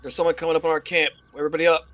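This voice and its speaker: A man's voice: a little high, flat delivery, racing, a bit bright. A man role-playing in character as a player in a tabletop game, over faint background noise. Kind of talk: brisk in-character role-play.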